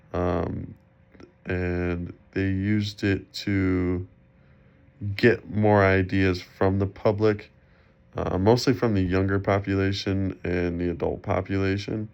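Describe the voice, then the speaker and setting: A young man who sounds slightly sick and muffled, giving an informal, halting student presentation for a class. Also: sits low. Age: young adult. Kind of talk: informal spoken presentation for a class discussion post. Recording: dull, lo-fi sound.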